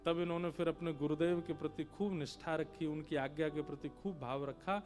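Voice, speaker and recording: High-voiced animated male storyteller. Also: moderate pace, faint music behind. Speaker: devotional storyteller. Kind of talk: devotional story sermon.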